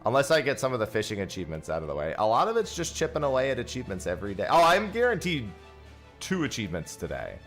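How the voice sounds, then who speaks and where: A man's voice: medium pitch, wildly swooping pitch, fast, a bit bright, faint music behind. A man streaming a game over a headset mic, chatting casually and thanking viewers. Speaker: livestreamer. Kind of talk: casual livestream chat while gaming. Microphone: headset mic, livestream audio.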